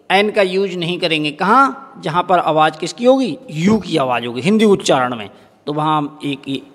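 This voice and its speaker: Teaching grammar in a room that echoes, this high-voiced man answers his own questions to the class and slowly repeats each example word.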